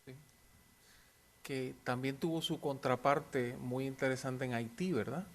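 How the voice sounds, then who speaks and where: A man's voice: mid-range voice, measured pace. A man, lecturing informally and answering questions in an anecdotal way, often seeking agreement with short tag questions.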